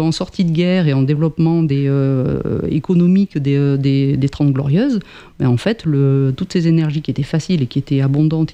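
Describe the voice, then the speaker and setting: Warm in tone and pitched a little high, this guest is a French-speaking climate association member in his 50s. Interviewed about his climate work, he stumbles through answers with many fillers and restarts.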